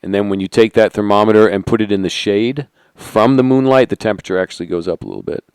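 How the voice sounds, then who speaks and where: A middle-aged man holding a conspiratorial monologue, asking rhetorical questions and sinking into quiet asides. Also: on the low side, fast talker, clear, resonant tone, dry recording. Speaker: channel host. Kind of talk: monologue to camera.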